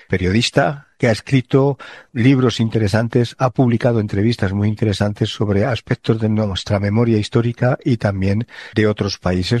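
A man hosting a radio interview, asking questions and closing the show in a courteous, measured way. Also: fairly low pitch, darkish tone, no room sound.

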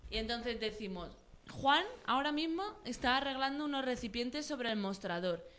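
A woman teacher with a bright, ringing, high-ish voice leads a student through a story, narrating with lively energy. She keeps asking encouraging questions. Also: moderate pace, a little hiss or hum. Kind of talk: guiding a student through a read-aloud story.

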